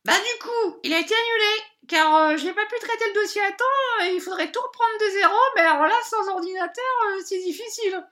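A woman's voice: very high-pitched, a little fast, few pauses, pushed and bright. An actress playing a hapless, scatterbrained female bank adviser in a comic monologue, rambling and hesitant with constant filler sounds. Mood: apologetic, lonely.

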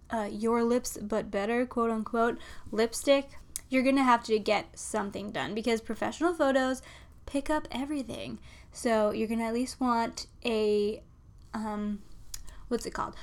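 A woman hosting an advice podcast, talking in a chatty, frank way, her voice nasal from a cold. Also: fairly high pitch. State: has a cold. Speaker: podcast host giving bridesmaid advice.

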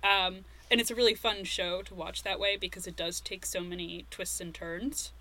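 Chatty bright-voiced woman podcaster. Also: on the low side, normal speed. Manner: animated, lots of "like", quoting herself. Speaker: podcast co-host. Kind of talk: casual chat.

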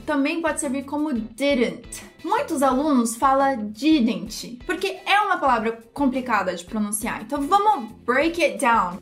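Upbeat Brazilian woman, bright high voice, teaching English pronunciation and slowing to model words. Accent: Brazilian Portuguese. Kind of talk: pronunciation lesson video.

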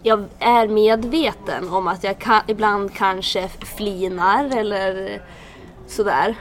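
A young adult woman, a fighter being interviewed on a podcast, telling stories in a chatty, animated way with lots of fillers. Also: medium pitch. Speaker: MMA fighter guest.

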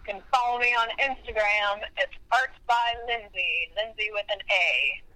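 A woman's voice heard through a phone on speakerphone, held up to the microphone. Her sound is sharp and tinny, and she chats in a loose, relaxed way. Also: mid-range voice, moderate pace. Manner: casual, relaxed and brief. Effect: on a phone speakerphone, held up to the mic. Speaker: caller, friend of the host. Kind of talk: casual phone chat.

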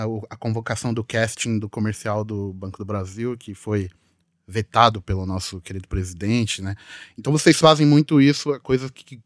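A man's voice: lowish voice, dry recording, clean studio sound. Chatty Brazilian man, closely recorded. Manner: informal, chatty. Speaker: podcast host, journalist. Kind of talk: casual podcast hosting.

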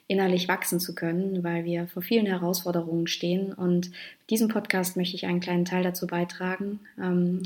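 A woman hosting a podcast, talking softly and hesitantly with many fillers as she introduces her show and her guest. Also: fairly low pitch. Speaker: podcast host. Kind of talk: podcast interview.

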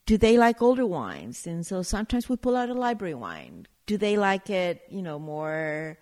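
Low-voiced woman. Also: very animated, moderate pace, a little mellow. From Chile. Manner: chatty, storytelling, searches for words. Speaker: winery owner, interview guest. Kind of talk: casual interview chat.

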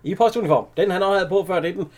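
A man chatting casually about an old film, animated and often laughing as he retells scenes. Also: high-pitched.

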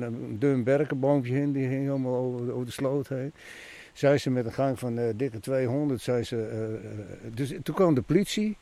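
A man, telling a story in an interview in an animated way and acting out what people said. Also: medium pitch. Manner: animated storyteller, many restarts, acts out quotes.

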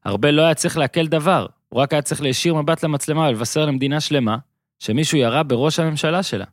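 A man narrating his own written column for a podcast in a measured storytelling way, dropping quieter on quoted lines. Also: fairly high pitch, no room sound, clean studio sound. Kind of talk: scripted narration.

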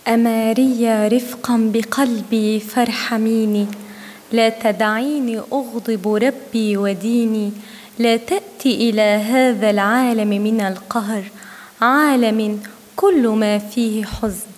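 A woman from Syria whose first language is Arabic, reading her poem and a short scene aloud slowly and deliberately at a live event. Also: fairly high pitch, fairly even intonation, darkish tone, long reverb tail. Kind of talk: poetry and prose reading. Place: museum event space.

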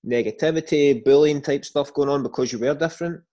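A man's voice: on the high side, fairly quick, dark tone, dull audio. A man hosting a podcast, asking questions and giving brief, friendly reactions. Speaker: podcast host. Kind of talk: casual chat.

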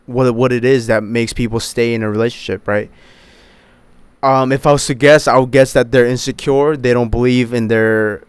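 A man's voice: medium pitch, smooth, no echo. A man in his twenties hosting a podcast alone, rambling casually with heavy swearing and lots of fillers. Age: 20s. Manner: rambling, profane, many fillers. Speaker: podcast host. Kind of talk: casual solo chat.

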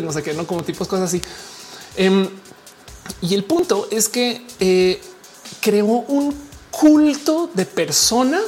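A woman with a Mexican accent and a low voice, chatting casually to her viewers in a slangy, rambling way full of fillers. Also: darkish tone.

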